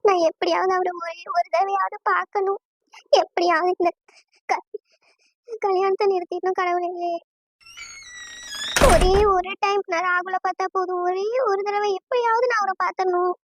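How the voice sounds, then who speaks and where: Woman voicing a very high-pitched tearful young bride-to-be. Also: flat delivery, normal speed, no echo, muffled recording. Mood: pleading. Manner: pleading, emotional, high-pitched. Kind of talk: cartoon voice acting.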